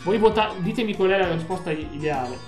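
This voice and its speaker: A man's voice: high-pitched, animated, quick pace, roomy sound, faint music behind. A man streaming a video game, joking playfully with his chat and friends. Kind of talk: live gameplay stream chat.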